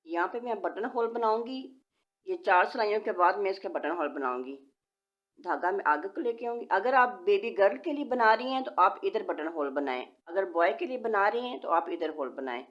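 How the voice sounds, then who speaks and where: Brisk and with lively intonation, a medium-pitched woman patiently steps through knitting instructions while counting stitches aloud. She's a knitting tutorial host with a sore throat that slightly alters her voice, recorded at home in dull lo-fi quality.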